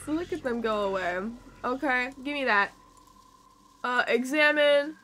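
A young woman streamer playing a game, chatty and playful, reacting out loud. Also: high-pitched, a little slow. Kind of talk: let's-play commentary.

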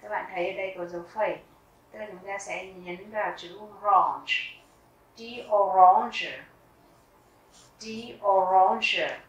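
A woman teaching a vocabulary lesson, reading each word twice slowly and carefully and explaining how to pronounce it. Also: mid-range voice, level tone, fairly bright tone, echoey room, far from the mic, lo-fi sound. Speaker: German teacher. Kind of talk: slow vocabulary lesson with pronunciation drills.

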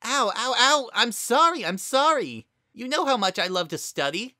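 A woman's voice: mid-range voice, big pitch swings, unhurried, no echo, clean studio sound, voice pushed up. A narrator voicing a proud, prickly young female unicorn pony student, raised well above their own voice. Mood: anxious. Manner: defensive, sharp-tongued.

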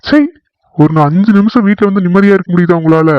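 A man's voice: sits high, fast, clean tone, dry recording, highs cut off, lightly acted. A man voicing a weary village husband in a cartoon, who scolds his wife in a tired, exasperated way.

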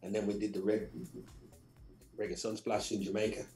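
A man's voice: on the low side, a little fast, soft background music. Man, middle-aged, from England, radio guest, chatty anecdotes, echoey studio. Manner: lively anecdotes with frequent laughs and repeated phrases. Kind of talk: casual interview storytelling.

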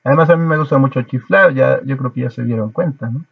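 A man's voice: medium pitch, fast, vocal fry, phone-quality sound, heavy background noise. A man with a Mexican accent chatting casually to his viewers between cover songs, rambling and correcting himself as he goes. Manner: rambling, self-correcting, chuckling. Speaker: YouTube cover musician.

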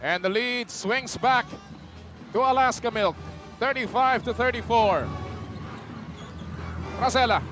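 A man calling a live basketball game play by play, excitable and mixing English with Tagalog. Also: very high-pitched, slow pace, pauses often, music in the background. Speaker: play-by-play announcer. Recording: archival broadcast over loud arena crowd. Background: roaring arena crowd.

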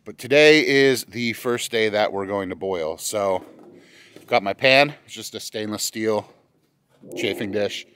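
A man in his thirties, outdoors in a snowy yard, casually explaining a homestead task step by step in a relaxed, thinking-aloud way. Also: on the low side, a little slow, smooth. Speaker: homesteader vlogger. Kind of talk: casual how-to narration. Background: background music.

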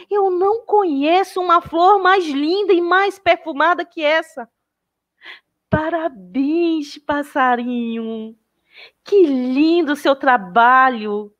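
A woman voicing a gentle male traveler who admires and comforts a little bird, speaking slowly and effusively in a storytelling voice. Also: mid-range voice. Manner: effusive, slow and exclaiming.

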